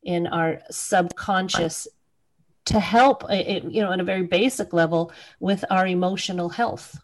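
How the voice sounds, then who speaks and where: A woman's voice: lowish voice, fairly even intonation, normal speed, rough recording. A woman hosting a radio talk show, asking her guest questions in thoughtful, searching phrases. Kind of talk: radio interview.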